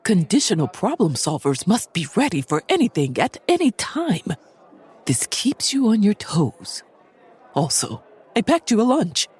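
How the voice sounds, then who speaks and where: Aunt Em, a husky, sly mentor aunt. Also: female voice, mid-range voice, big pitch swings, a little slow, a little mellow, exaggerated voice. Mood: deadpan. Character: sly, brisk middle-aged aunt who sneaks up. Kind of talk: audio drama acting.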